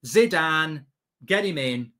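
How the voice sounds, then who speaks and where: A man's voice: fairly high pitch, expressive, slow, pushed and bright. A man, reacting live to a football match as a watchalong host, exasperated, emphatic, repetitive and sweary. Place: small indoor studio set at a desk.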